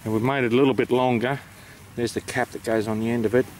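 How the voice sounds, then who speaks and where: Speaking fast in a steady, mid-range voice, an Australian man presents as an amateur radio operator. His explanation is informal, unscripted and matter-of-fact, with some hesitation, and slight background noise can be heard.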